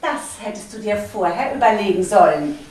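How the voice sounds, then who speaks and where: A stage actor playing a sharp-tongued, domineering wife who scolds her husband, in a live stage comedy. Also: mid-range voice, lively intonation, moderate pace, distant mic, lightly acted. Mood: scolding. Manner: scolding, snapping orders. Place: theater stage. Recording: roomy stage miked from afar, audible hiss.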